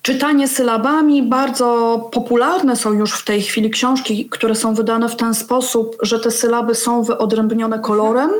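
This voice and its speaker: A woman guest in her thirties explaining reading methods in a measured way, pausing often with fillers. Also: fairly high pitch, level tone. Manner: measured, with frequent hesitation fillers. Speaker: guest, reading education specialist. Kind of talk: explanatory interview talk.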